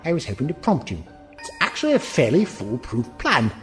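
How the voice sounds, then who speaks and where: A man's voice: medium pitch, wildly swooping pitch, fairly quick, faint music behind. Man playing the Doctor, swooping and musing. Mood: pondering. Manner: theatrical, musing, gently wry. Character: thoughtful, wry time-travelling adventurer. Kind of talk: audio drama acting.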